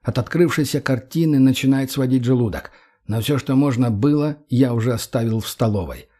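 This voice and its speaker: A man narrating a first-person audiobook in short, clipped, measured phrases. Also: medium pitch, mellow.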